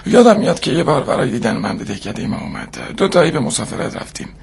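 A jovial older man from a cartoon, raspy and gravelly, with a lively voice that rises and falls as he reminisces. He chuckles fondly as he talks. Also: on the high side, exaggerated voice. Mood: nostalgic. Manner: nostalgic, chuckling. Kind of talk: cartoon dub acting.

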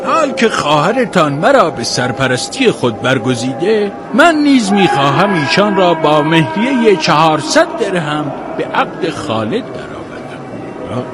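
Solemn servant messenger, lively pitch, slightly high, formal, music behind. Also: male voice, very noisy. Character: loyal male servant delivering a judge's ruling. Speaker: messenger Qanbar. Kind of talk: radio drama acting.

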